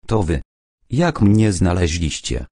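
A man's voice: sits low, sing-song, takes it slowly, dark tone, slightly rough, no room sound, studio quality, heavily acted. A man voicing a boastful male art forger who swings between whining and bragging, in a storybook reading. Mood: whiny. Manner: self-pitying, then boastful.

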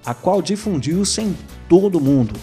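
A man from Brazil giving a measured, formal scripted narration for a sports report. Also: high voice, lively intonation, warm tone, soft background music.

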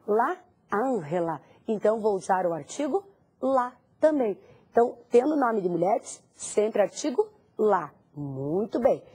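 A woman's voice: medium pitch, very animated, measured pace, dark tone, breathy edge. A woman teacher giving a recorded language lesson, putting questions to the student and answering them herself. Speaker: Spanish teacher.

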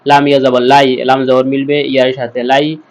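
A man teaching Quran reading in a step-by-step lesson, spelling out each letter and then slowly chanting the joined words. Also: mid-range voice, flat delivery.

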